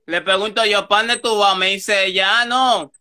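A man telling a story fast in a casual chat, acting out the quoted lines. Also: high voice, fairly even intonation, sharp tone.

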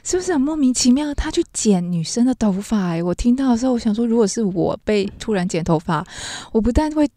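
A woman's voice: a little high, very animated, brisk, few pauses, warm tone. A woman co-hosting a podcast, reacting with teasing disbelief. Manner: incredulous, teasing, laughing. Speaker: podcast co-host. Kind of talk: casual chat.

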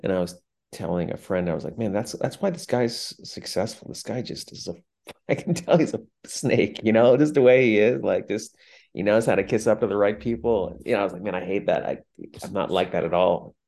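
Man, lowish voice, candid storyteller, casual chat. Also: brisk, gravelly, a little mellow.

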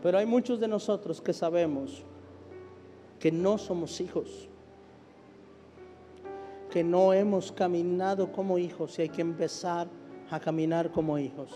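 A male pastor preaching a sermon, often building to shouted emphasis. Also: high voice, steady tone, unhurried, pauses often. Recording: long hall reverb with faint music.

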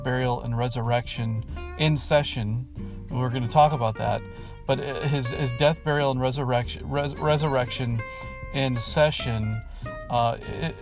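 A man hosting a casual religious podcast from inside a camper van, talking in a halting, conversational way that trails off. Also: mid-range voice. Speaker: podcast host.

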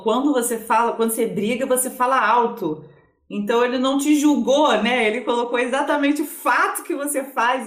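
A woman speaking as a communication expert on a panel, calm and didactic, giving concrete examples. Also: fairly high pitch. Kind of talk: explanatory panel talk. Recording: roomy echo.

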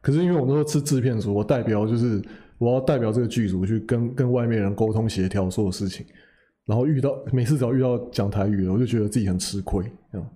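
A young man, telling a story in casual chat. His voice is very dark and mellow, and he rattles along quickly, restarting phrases and laughing at himself. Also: fairly low pitch. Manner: rambling, self-correcting, laughs at himself. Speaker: podcast co-host.

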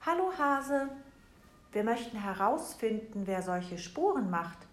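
A woman voicing an excited, chirpy squirrel in a storybook reading, with loud, eager exclamations. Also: a little high, a little slow, reverberant, voice pushed up.

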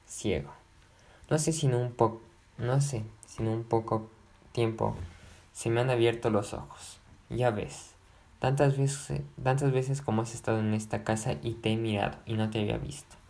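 A man reading aloud, voicing an agitated, lovesick gentleman who pleads and repeats himself. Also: medium pitch, gravelly, close to an everyday voice. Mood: coaxing. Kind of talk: audiobook narration.

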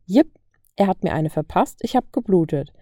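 Cheeky young woman, read by a woman narrator, playful bragging, mellow low voice, dry close recording. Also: animated, moderate pace, no room sound. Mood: boastful, playful. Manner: playful, boastful banter. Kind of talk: audiobook reading of fan fiction.

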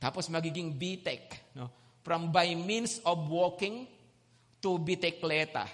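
A male preacher giving an animated sermon, mixing in English phrases and checking in with the crowd. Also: a little high, slow. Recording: long hall reverb.

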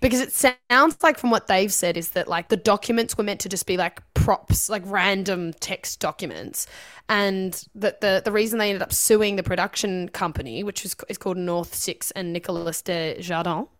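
A woman co-hosting a podcast, speaking in a middle pitch. She chats casually, stringing her points together with fillers and run-on phrasing. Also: moderate pace, fairly bright tone. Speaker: podcast co-host. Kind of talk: casual chat.

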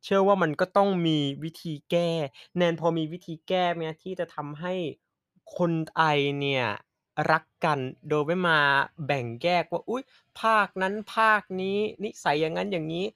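A man's voice: fairly high pitch, vocal fry, fairly bright tone, no echo, clean studio sound. Polite Central Thai man hosting a podcast. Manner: polite, laughs often, drawn-out wrap-up. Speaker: podcast host. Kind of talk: casual podcast chat.

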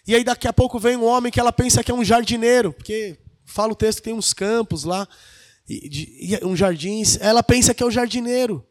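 Guy preaching super casual, really high voice, slangy and dramatic. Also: brisk, dry recording, clean studio sound. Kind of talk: informal youth sermon.

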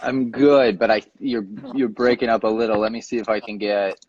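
A man's voice: fairly low pitch, level tone, moderate pace, a little mellow, muffled recording. A man, speaking as a remote interview guest over a video call whose audio keeps breaking up and cutting out. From United States. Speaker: guest author. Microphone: computer or phone on a video call.

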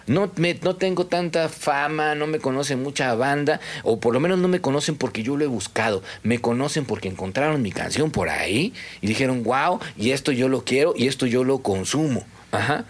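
A man's voice: mid-range voice, lively intonation, moderate pace, hardly any pauses. A man with a Mexican accent giving his views as a singer-songwriter guest on a casual podcast, in emphatic, slangy speech. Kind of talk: casual podcast interview talk.

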